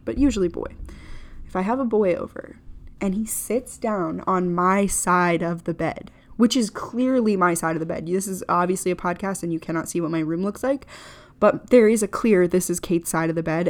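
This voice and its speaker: A young American woman hosting her own podcast, talking casually in a rambling, chatty way, full of "like" fillers and blunt swearing. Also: fairly low pitch. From United States. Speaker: podcast host. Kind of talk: casual solo podcast chat.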